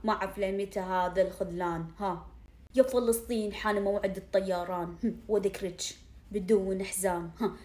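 A woman's voice: medium pitch, a little mellow, reverberant. A woman, earnestly rapping in a homemade video, humming hm and ha between lines. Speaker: amateur rapper in a played clip. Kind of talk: amateur rap with spoken intros.

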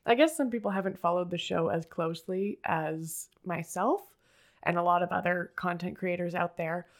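A woman hosting a podcast, with a somewhat low voice. She talks in a casual, enthusiastic, blunt way and swears offhandedly, recapping episodes for listeners. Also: fairly even intonation, normal speed. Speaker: podcast host.

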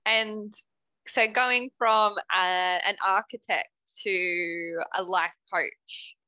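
A woman hosting a relaxed podcast, asking questions in a chatty way and laughing easily. Her voice is bright and forward, recorded close and dry with no room sound. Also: mid-range voice, very slow, dry recording, low-quality recording. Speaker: podcast host. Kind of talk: casual podcast interview.

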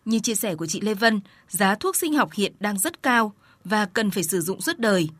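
A woman reporter reading scripted news narration in a steady, formal way. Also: mid-range voice, moderate pace, dry recording.

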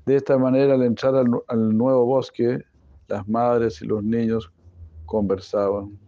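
A man's voice: medium pitch, level tone, a little slow, mellow, dry recording, muffled recording. A man retelling a devotional story in class, digressive and joking, often correcting himself.

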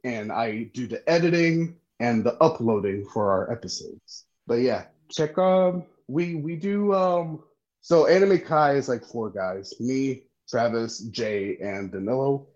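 A man chatting as a podcast guest, friendly and halting, with lots of ums and restarts. His voice sits at a middle pitch, and the recording sounds a little dull and lo-fi. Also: darkish tone. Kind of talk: casual podcast chat.

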